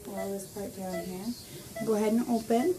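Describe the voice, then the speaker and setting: Woman, dental assistant, medium-pitched, casual instructions, reassuring, plain-spoken, small clinic room. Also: steady tone, normal speed, over music, low-quality recording. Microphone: patient's phone, a little away from her.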